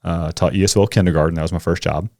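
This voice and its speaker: A middle-aged man, a coach and teacher, chatting as a podcast guest and telling animated stories. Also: deep voice, fast, no room sound, clean studio sound. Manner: animated storyteller, acts out kids' voices. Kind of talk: casual interview conversation.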